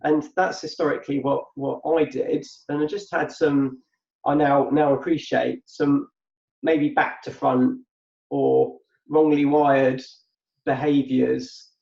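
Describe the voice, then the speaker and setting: This man's voice sits in the mid-range, level in tone and slow in pace, with vocal fry and a slightly mellow quality. As a podcast co-host and an adult who formerly had a business, he gives a reflective, conversational explanation, repeating himself while he thinks aloud, in a muffled room with echo.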